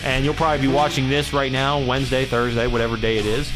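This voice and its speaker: A man co-hosting a casual wrestling podcast, talking in an animated way and breaking into laughs and mock shouts. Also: medium pitch, fast, low-quality recording. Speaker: podcast co-host. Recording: music playing behind the voice.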